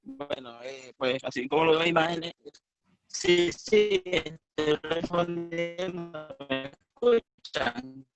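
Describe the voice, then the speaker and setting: A man's voice: fairly high pitch, sing-song, slow, vocal fry, soft background music, poor audio. A man answering his workshop teacher over a video call whose audio keeps breaking up, hesitant and checking that he can be heard. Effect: choppy online call audio breaking up. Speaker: workshop student.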